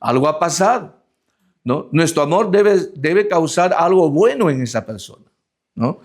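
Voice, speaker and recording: A middle-aged male pastor preaching a sermon in a conversational way, often tagging questions onto his sentences and slowing down to stress the scripture he reads. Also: on the high side, animated. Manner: conversational preaching, constant "¿no?" tags, slowed emphatic scripture reading.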